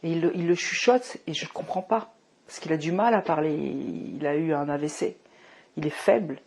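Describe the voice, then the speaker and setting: A woman in her thirties from France giving a personal faith testimony, emotional and often restarting, moving between hushed and fervent speech. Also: deep voice, normal speed, vocal fry, breathy edge. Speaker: testimony speaker.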